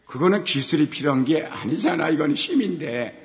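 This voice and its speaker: A middle-aged man preaches a sermon in a gravelly, fry-tinged voice. He tells personal stories, acting out the dialogue. His delivery swings from loud exhortation to hushed asides, with long reverb trailing behind him. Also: on the high side, animated, normal speed. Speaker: pastor.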